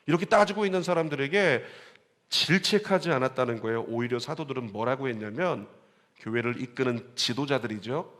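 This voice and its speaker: A man preaching a Sunday sermon as pastor, animated and calling on the congregation to repeat lines and read along. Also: medium pitch, brisk. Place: church sanctuary. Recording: church sanctuary with long reverb.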